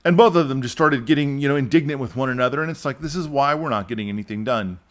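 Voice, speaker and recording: A man hosting a podcast, delivering an animated, exasperated opinion monologue. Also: mid-range voice, fast talker. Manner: animated, exasperated ranting with mocking impressions. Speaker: podcast host.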